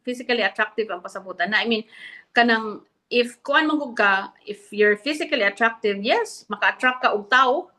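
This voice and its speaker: Bright-voiced woman in casual chat. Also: a little high, moderate pace. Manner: thoughtful, switches between English and Cebuano. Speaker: podcast co-host.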